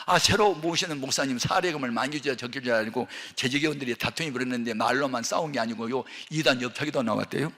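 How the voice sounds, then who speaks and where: Gravelly older male pastor, echoing hall. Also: mid-range voice. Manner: animated, acts out dialogue, shouts at peaks. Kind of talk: sermon with storytelling. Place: large church hall. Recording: long hall reverb.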